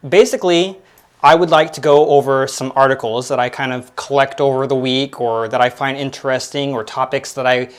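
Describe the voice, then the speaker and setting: A young man in his late twenties chats through his own podcast. His voice sits in a middle pitch, and he wanders through thoughts with frequent fillers and self-deprecating asides. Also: fairly even intonation, fairly quick. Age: 20s. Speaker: podcast host. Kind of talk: casual solo commentary.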